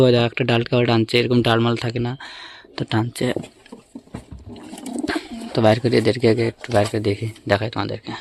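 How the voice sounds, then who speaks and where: A man's voice: medium pitch, darkish tone. A man talking casually to viewers as he checks on his pigeons and feeds them. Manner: chatty, talks to viewers while tending birds. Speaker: pigeon keeper vlogger. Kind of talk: casual vlog commentary. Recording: loft with clear bird noise. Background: pigeons cooing.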